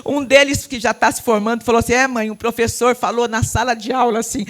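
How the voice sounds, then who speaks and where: A middle-aged woman pastor with a Brazilian Portuguese accent preaching a fervent Pentecostal sermon in a church. She swings from loud cries to hushed tones and breaks into speaking in tongues. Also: on the high side, steady tone, fairly quick. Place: church sanctuary.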